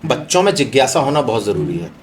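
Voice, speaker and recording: A man's voice: mid-range voice, big pitch swings, quick pace, slight background noise. A middle-aged man from India, speaking as a guest in an unscripted interview, explaining philosophical ideas through everyday examples.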